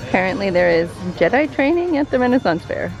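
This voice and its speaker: A woman's voice: mid-range voice, big pitch swings, fast talker, muffled recording. A woman chatting casually as a mother filming her family's outing at a fair. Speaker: vlogging mother. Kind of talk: casual family vlog chat. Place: outdoors at a busy fair. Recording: loud crowd and music, outdoor camera mic.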